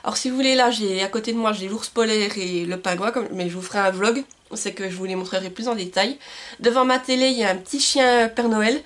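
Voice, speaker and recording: A woman's voice: mid-range voice, brisk, fairly bright tone. A woman talking casually to camera about her books at home, with lots of fillers and restarts. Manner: chatty, many fillers and restarts. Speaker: book vlogger. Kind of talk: casual book haul chat. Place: home room with bookshelves and Christmas lights. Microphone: camcorder mic.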